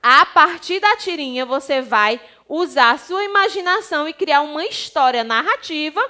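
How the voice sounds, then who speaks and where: A woman teacher with a Brazilian Portuguese accent, giving an online lesson to young children and explaining slowly and affectionately. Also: high voice, sharp tone. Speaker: primary school teacher.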